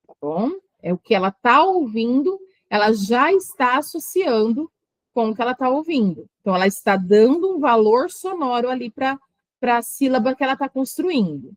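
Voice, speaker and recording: Speaking expressively in a fairly high register, a woman teaches an online exam-prep lesson. She explains patiently, splitting words into slow syllables, and the recording is close with no reverb.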